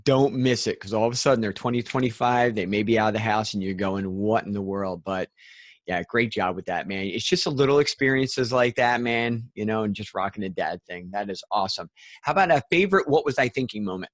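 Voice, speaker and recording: A man's voice: on the low side, fairly quick, dry recording, clean studio sound. A man hosting a podcast interview in an upbeat, casual way, often calling his guest "dude" and "man.". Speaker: podcast host.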